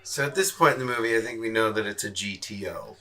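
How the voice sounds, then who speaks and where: A man's voice: on the low side, fast, sharp tone. A man co-hosting a casual movie podcast, joking and drawing out his words as the film plays. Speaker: podcast co-host. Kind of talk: casual chat over a movie.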